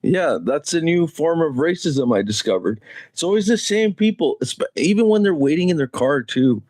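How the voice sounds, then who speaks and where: A man's voice: on the high side, expressive, normal speed, a little mellow, dry recording. A man hosting a casual solo livestream, rambling loosely with chuckles and the odd swear word. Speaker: livestream host. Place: Canada.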